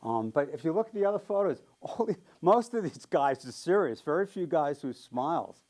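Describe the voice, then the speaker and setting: Here a chatty man in his seventies with a New York accent speaks as a guest at a casual public talk, dropping frequent ums and light laughs. He has a fairly high, darkish voice with lively intonation and a moderate pace.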